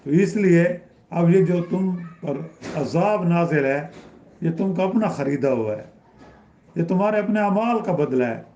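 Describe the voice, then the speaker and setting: A man's voice: a little high, expressive, dark tone, a little hiss or hum. A man teaching a Quran lesson in Urdu, explaining by repeating himself and rising in emphasis. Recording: roomy, dull lo-fi recording.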